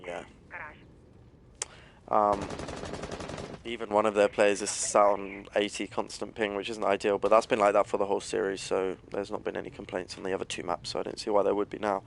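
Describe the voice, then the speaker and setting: A man's voice: fairly low pitch, monotone, brisk, vocal fry, slight background noise. A man giving casual, analytical live commentary on a competitive shooter match. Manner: casual, analytical, filler-heavy. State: has the hiccups. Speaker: esports caster.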